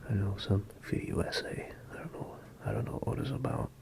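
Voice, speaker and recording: A man playing a sick, worn-out boyfriend in a whispered role-play, mumbling and halting as he fakes being sick. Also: on the low side, steady tone, gravelly, darkish tone. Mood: weary, mumbling. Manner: mumbling, halting, weary sick act with coughs. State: acted weak and sickly. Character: sick, tired, shivering boyfriend, faking being sick.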